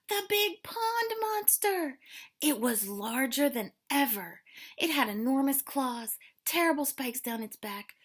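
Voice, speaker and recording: An elementary school teacher reads a children's story aloud in an expressive, dramatic style, adding explanatory asides. Her voice is a little high and husky.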